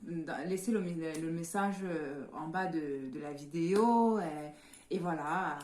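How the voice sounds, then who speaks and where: A woman's voice: deep voice, takes it slowly, a little mellow. A woman, a native French speaker with a French accent, chatting casually to viewers as co-host of a vlog. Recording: roomy, echoing sound.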